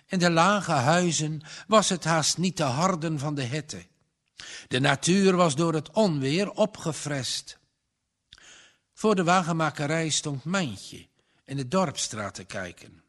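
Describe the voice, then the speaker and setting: A man reads a village story aloud in a slow, measured style. His voice sits a little high for a man. The delivery stays calm and even. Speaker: narrator. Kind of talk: audiobook narration.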